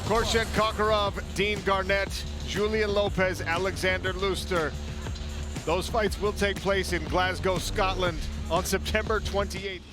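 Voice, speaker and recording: Male sports commentator, high pitch, MMA play-by-play, loud music behind. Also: flat delivery, unhurried.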